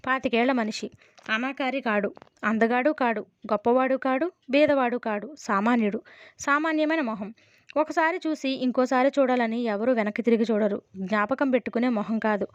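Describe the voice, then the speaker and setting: A woman's voice: on the high side, dry recording. Woman narrating a suspense audiobook. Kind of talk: reading a suspense novel aloud. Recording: dull, dry close recording.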